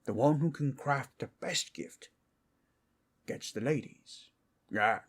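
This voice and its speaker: A man voicing a boastful, friendly ork masseur in an ASMR role-play, with a rough, husky voice and a folksy, rambling way of talking. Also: medium pitch, slow. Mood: chatty, boastful. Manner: folksy, rambling, boastful fantasy-brute talk with rustic grammar.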